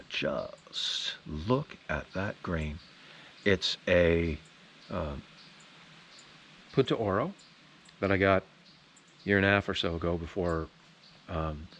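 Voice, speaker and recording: A man's voice: low-pitched, fairly bright tone, a little hiss or hum. A man chatting casually to camera as a pipe tobacco vlogger, rambling along in an opinionated, folksy way. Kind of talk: casual rambling video chat.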